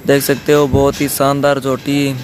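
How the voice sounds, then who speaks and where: A man's voice: medium pitch, monotone, normal speed. A man hosting a farm video, walking through a dairy yard and talking in repetitive sales patter about buffalo for sale. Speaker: channel host showing buffalo for sale. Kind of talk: video tour commentary.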